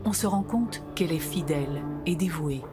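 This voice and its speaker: A woman's voice: low-pitched, moderate pace. A woman reading scripted nature documentary narration. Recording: music behind the voice. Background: background music.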